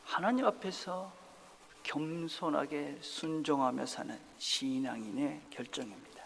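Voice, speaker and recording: Pastor, male, high and gravelly; impassioned sermon that drops to near whispers; reverberant church hall. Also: unhurried, a little hiss or hum. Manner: impassioned, swings from loud to hushed. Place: church sanctuary.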